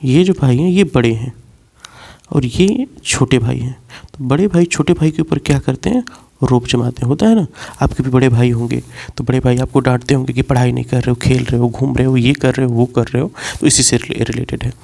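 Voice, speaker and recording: A man's voice: mid-range voice, gravelly, dark tone. A man teaching a class as a lecture, explaining step by step and repeating key points. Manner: explains slowly, repeats key points, mixes in English words.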